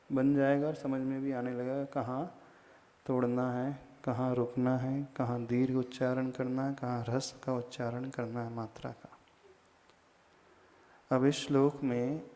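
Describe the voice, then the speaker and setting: Monk teaching scripture real slow, patient, checks w listeners, long hall echo. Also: male voice, mid-range voice, mellow. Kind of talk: scripture class with chanted verses.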